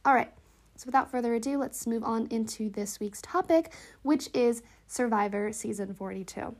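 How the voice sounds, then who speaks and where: Stuffy, slightly wheezy higher-voiced woman podcasting. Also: normal speed, darkish tone. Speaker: podcast host. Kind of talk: casual solo podcast chat.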